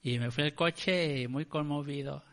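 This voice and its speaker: A man's voice: a little high, unhurried, a bit bright. A male pastor with a Mexican accent tells a story in a sermon, in a conversational way, and often calls his listeners "brother".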